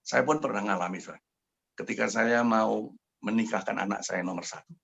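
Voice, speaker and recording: An older man preaching and telling his own story to a congregation on a video call, fervent and swinging from quiet to loud. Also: lowish voice, fairly quick, creaky, slightly rough. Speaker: pastor. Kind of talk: sermon with testimony.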